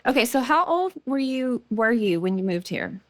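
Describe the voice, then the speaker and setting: A woman's voice: a little high, sing-song, normal speed, no room sound, clean studio sound. A woman co-hosting a podcast, effusive and chatty, with plenty of fillers as she asks questions. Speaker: podcast co-host. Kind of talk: casual podcast interview.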